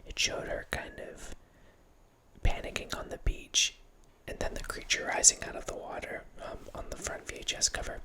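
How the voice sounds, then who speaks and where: Speaking at an ordinary speed, a thirty-something man hosts an ASMR ramble, whispering close to a studio microphone in a small home space. He wears headphones and frequently stops to correct what he just said.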